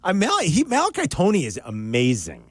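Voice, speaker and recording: A man hosting sports talk radio, excitable and animated as he breaks down a game. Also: high-pitched, moderate pace, slightly rough, no room sound.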